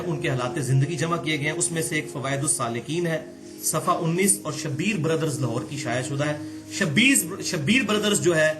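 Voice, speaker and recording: Guy lecturing on religion, higher voice, punches points with questions, music clearly playing behind. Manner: argumentative, with pointed rhetorical questions and sudden emphatic rises.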